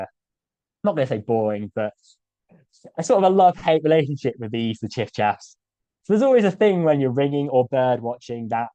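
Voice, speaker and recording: Mellow-voiced man giving a hesitant talk. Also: medium pitch, no room sound. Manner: hesitant, many fillers and restarts. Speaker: guest speaker. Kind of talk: casual illustrated talk.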